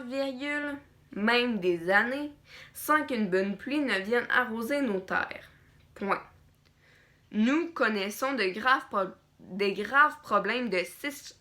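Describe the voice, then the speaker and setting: A woman teacher dictates a school text phrase by phrase, deliberately repeating phrases and saying the punctuation aloud. Her voice is fairly high, bright, and forceful.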